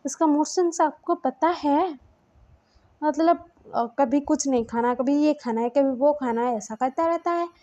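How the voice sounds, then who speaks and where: A woman's voice: sits high, moderate pace, warm tone, highs cut off, pitched above the performer's own voice, close to an everyday voice. A woman reading a cheeky young man's lines. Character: young man, cheeky and complaining.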